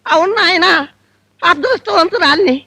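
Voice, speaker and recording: An actress playing a deaf, frail ninety-one-year-old bride who mishears everything in a quavering voice. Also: female voice, very high-pitched, normal speed, sharp tone, no room sound, exaggerated voice. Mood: fading. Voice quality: quavering, hard-of-hearing mishearing.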